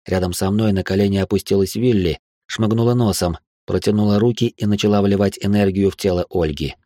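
A man narrating an audiobook in the first person, with steady, measured reading. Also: lowish voice, dry recording, clean studio sound.

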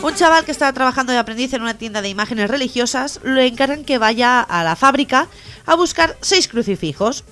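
A woman from co-hosting a radio comedy show, telling jokes in a lively storytelling way. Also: sits high, brisk, faint music behind. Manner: lively storytelling with restarts and laughs. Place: radio studio.

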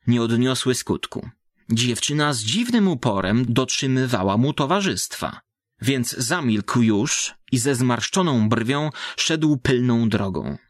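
A man reading a literary story aloud in measured, dramatic narration, voicing the characters. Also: mid-range voice, dry recording, clean studio sound.

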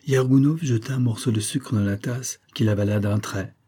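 Mellow, husky male storyteller. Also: medium pitch. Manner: measured, even storytelling. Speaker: audiobook narrator. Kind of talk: scripted literary narration.

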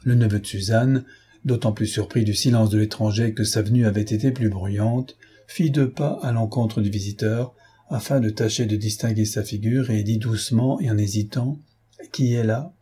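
A man narrating a classic novel as an audiobook, in a steady, even reading. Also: lowish voice, normal speed, breathy edge.

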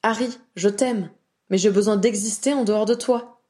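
A woman's voice: medium pitch, moderate pace, warm tone, lightly acted. A woman voicing a proud, anxious young witch who talks in an earnest, pleading way.

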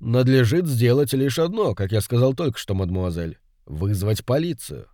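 A man voicing a shrewd older male detective who speaks calmly and with quiet irony in an audiobook. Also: mid-range voice, no echo, studio quality, lightly acted. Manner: calm, measured, quietly ironic. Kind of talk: audiobook reading.

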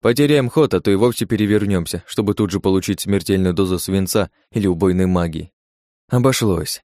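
A man reading a first-person story as an audiobook narrator, in a steady, measured way. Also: low voice, no room sound, clean studio sound.

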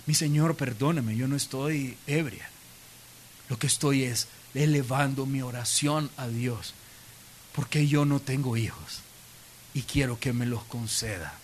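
A man's voice: mid-range voice, measured pace, slight background noise, voice pushed down, natural voice. A man voicing a meek, grieving woman. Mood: pleading. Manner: soft, humble and pleading.

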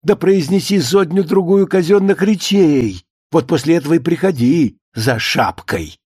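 A man's voice: on the high side, moderate pace, a little mellow, husky, no echo, studio quality. A man voicing a pompous, boozy older Soviet official who hectors and scorns his visitor in a long tirade. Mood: lecturing.

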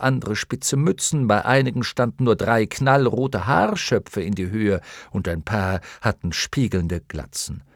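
Male audiobook narrator, playful and animated, mid-pitched, dry close studio read. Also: gravelly, no echo. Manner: lively, playful storytelling.

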